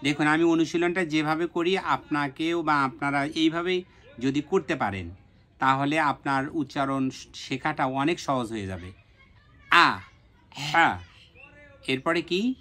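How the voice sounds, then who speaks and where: A man with a Bangladeshi accent leads a pronunciation drill for reciting scripture. He spells out each letter and vowel mark and sounds out syllables very slowly, then repeats them. His voice sits a little high and comes across bright and forward. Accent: Bangladeshi Bengali. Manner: drawn-out letter drilling with repetitions. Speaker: Quran recitation teacher.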